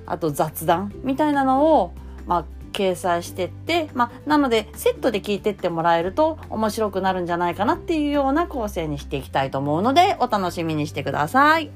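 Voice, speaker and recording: A cheerful woman chats through friendly advice in a voice she has lifted higher than her natural one, her pitch bouncing all over. She talks loosely and warmly, with plenty of fillers, over soft music in the background. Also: very animated. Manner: cheerful, chatty, lots of fillers; deliberately raised, bright speaking tone. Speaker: voice blogger. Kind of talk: casual spoken advice.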